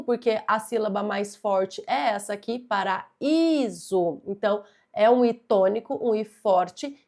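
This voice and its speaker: A woman's voice: mid-range voice, a little mellow. A young adult woman teaching a grammar lesson, patient and methodical, stressing key words and speaking straight to the student. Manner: talks directly to the student. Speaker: Portuguese teacher. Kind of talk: exam-prep grammar lesson.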